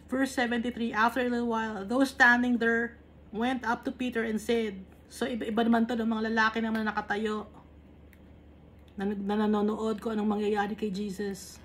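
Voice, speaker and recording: A woman's voice: on the high side, level tone, normal speed, fairly bright tone, a little hiss or hum. A woman from the Philippines leading a Bible study. She reads English verses and then explains them in casual, conversational Tagalog, often checking in with little tag questions. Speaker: Bible teacher.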